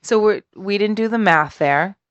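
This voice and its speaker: A woman's voice: mid-range voice, moderate pace, dry recording, dull audio. A woman co-hosting a casual podcast, teasing her partner in a dry way. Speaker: podcast co-host. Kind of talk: casual chat.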